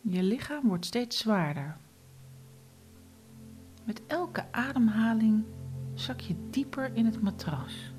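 A woman guiding a relaxation meditation, speaking softly and often in a whisper. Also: fairly high pitch, expressive, faint music behind. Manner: slow, soft, often whispered instructions. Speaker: meditation guide.

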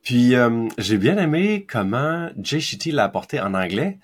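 A man's voice: mid-range voice, big pitch swings, a little slow, breathy edge. A man with a Québécois accent, co-hosting a podcast in thoughtful, hesitant casual chat. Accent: Québécois French. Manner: thoughtful, hesitant, with soft laughs. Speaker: podcast co-host.

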